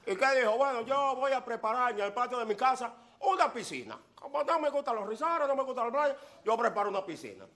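A man's voice: very high voice, sing-song, a little fast, hardly any pauses, a bit bright. A man doing a boisterous stand-up comedy monologue, full of exaggeration and punchy repeated lines. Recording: live show with audience laughter.

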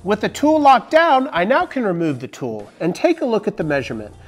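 A man's voice: high-pitched, wildly swooping pitch, fairly quick, faint music behind. A man in his forties hosting a casual woodworking tool review from a large barn workshop, talking into a lapel mic in an upbeat, jokey, explanatory way. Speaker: woodworking channel host.

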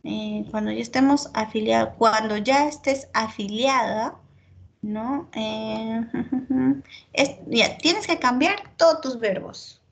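Woman, teacher, online class feedback, slow, gravelly fry. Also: on the high side. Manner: checks in constantly with the student, frequent filler pauses.

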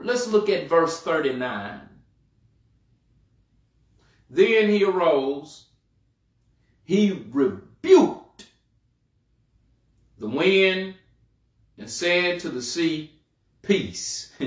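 A male pastor delivering a sermon, swelling on key words and sinking low at the ends of phrases. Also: sharp tone, echoey room, recorded from a distance. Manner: preaching with rising and falling emphasis, dropping low at phrase ends.

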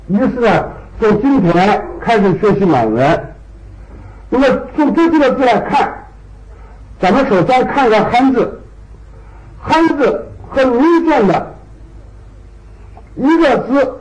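Lively-pitched male language teacher. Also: poor audio. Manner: patient, repeats key points with drawn-out particles. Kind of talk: classroom lecture.

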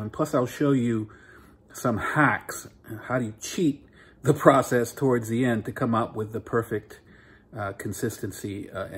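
A Peruvian man in his fifties with a husky, mid-range voice hosts a home cooking channel. He explains each step conversationally, with lots of fillers and self-corrections. The recording from his home kitchen is noisy.

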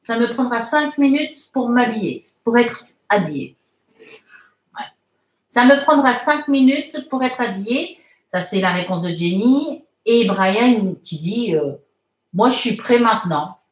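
A woman's voice: a little high, animated, echoey room. A woman teaching English in a live online lesson, patiently reading out viewer comments and correcting them step by step. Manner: slow, patient, explains step by step, frequent fillers.

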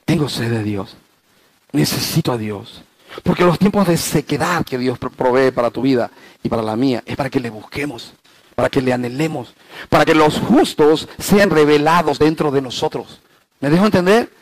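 A male pastor preaching a sermon, swinging between loud, high emphasis and hushed low passages, slowing down to stress key phrases and asking the congregation rhetorical questions. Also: no room sound, poor audio.

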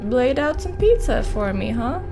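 A woman's voice: on the high side, sing-song, measured pace. A young woman giving casual, nervous and playful commentary as she streams a horror game, reassuring herself and swearing. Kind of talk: casual let's-play commentary. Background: game music.

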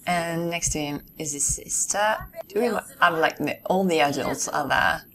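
A woman giving casual game commentary, musing aloud to herself in a somewhat hoarse voice, as if losing it. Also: sits low, measured pace, a bit bright. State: losing her voice. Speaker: gamer narrating her game. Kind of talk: casual let's-play commentary.

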